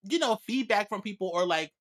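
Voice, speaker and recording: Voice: mid-range voice, lively intonation, fairly quick, a bit bright. A podcast co-host in their late twenties, talking frankly in casual chat, self-deprecating and swearing with laughs. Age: late 20s.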